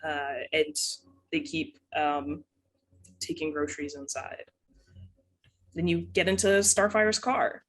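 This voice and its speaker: A woman's voice: low-pitched, slow, long pauses. A woman narrating as game master in a tabletop game, casual and hesitant, with many fillers.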